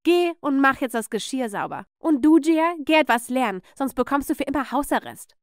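Woman doing a shrill, bossy, shouting aunt. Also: expressive, normal speed, no room sound, clean studio sound. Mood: scolding. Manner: shouting, scolding. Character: shrill cruel middle-aged aunt, domineering mother.

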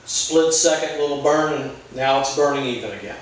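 A man's voice: on the high side, normal speed, a little hiss or hum. A man reviewing a cigar in a casual, rambling way, talking with a cigar in his mouth. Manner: rambling, chatty, self-correcting. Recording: very echoey room, mic far off.

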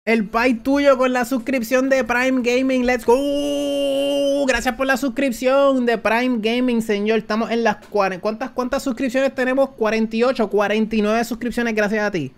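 High-voiced streamer calling races. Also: male voice, clear, resonant tone. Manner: excitable, rapid play-by-play calling. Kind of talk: live game commentary to chat.

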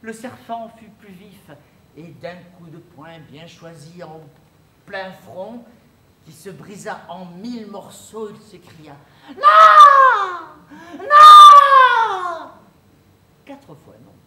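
An actor playing a pompous husband in a stage play, telling a fable with slow, theatrical delivery and sudden shrieked outbursts. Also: close to an everyday voice. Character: husband Mr Smith, pompous, proud of his wife. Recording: echoey theatre, faint rumble.

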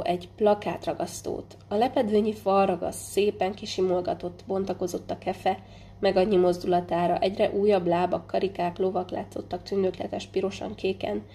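A woman reading a literary novel aloud as audiobook narration, measured and unhurried, with small slips and restarts. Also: mid-range voice, little pitch movement, dark tone, slight background noise. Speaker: audiobook reader.

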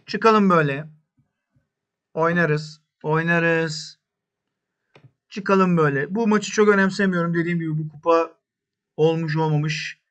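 A man hosting a football management game, muttering to himself and then shouting cheers at his players, some in English. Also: a little high, measured pace, pauses often. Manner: talks to himself, swinging from mutters to yells. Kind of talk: excitable gameplay commentary.

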